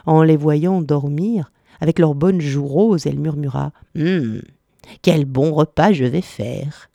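A woman reading a fairy tale aloud in a slow, expressive storytelling manner. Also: on the low side, no room sound, clean studio sound.

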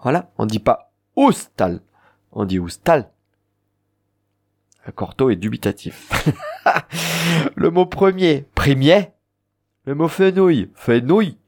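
A man's voice: a little high, measured pace, pauses often. Male Occitan teacher, southern French accent, patient and explanatory. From southern France. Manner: patient, explains rules with spoken examples. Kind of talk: radio language lesson.

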